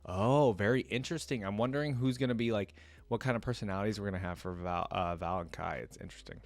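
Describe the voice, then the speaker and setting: A reaction-video host with a fairly low voice and quick pace reads lore aloud, casually musing and thinking out loud about what he reads.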